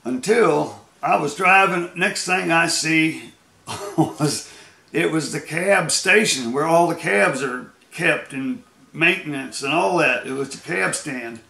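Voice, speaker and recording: A man's voice: on the high side, slow, creaky, sharp tone, echoey room. An American man telling rambling road stories in a casual, folksy way, often laughing as he goes. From United States. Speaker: storyteller. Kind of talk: casual storytelling.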